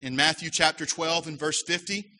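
A man's voice: on the high side, steady tone, moderate pace, sharp tone, a little hiss or hum, rough recording. A man who is a pastor, preaching a sermon earnestly with emphatic rises.

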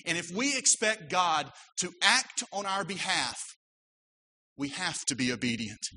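A man's voice: sits high, expressive, a little slow, bright, forceful tone, low-quality recording. A man who is a pastor, preaching a sermon earnestly with emphatic rises.

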